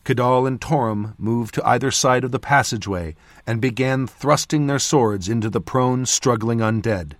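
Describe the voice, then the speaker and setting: A man narrating a fantasy novel in the first person, with measured, steady storytelling. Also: medium pitch, dry recording, studio quality. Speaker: audiobook narrator.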